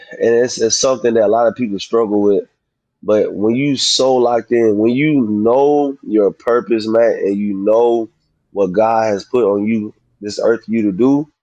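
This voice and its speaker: A man's voice: on the low side, darkish tone, no echo, dull audio. Slushy-talking man in his thirties, close and dry. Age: 30s. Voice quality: slurred, slushy sibilants from a mouth grill. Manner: informal, slangy, frequently saying "man". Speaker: professional boxer, interview guest. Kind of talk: casual interview chat.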